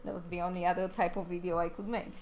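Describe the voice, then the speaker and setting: A woman's voice: fairly low pitch, flat delivery, fast, a little hiss or hum. A young adult woman in a casual, chatty, self-deprecating voice-over, pronouncing her R's as W's. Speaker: animator narrating a speed draw video. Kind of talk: casual rambling voice-over commentary. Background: music behind the voice.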